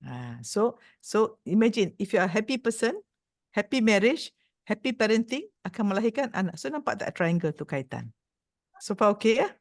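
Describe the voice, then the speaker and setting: A Malaysian woman speaker gives a motivational talk in a playful, teasing tone, slipping into English as she goes. Her voice is recorded close and dry, with a pitch that is neither high nor low. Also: very animated, moderate pace, no room sound. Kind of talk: lively motivational talk to a seated audience.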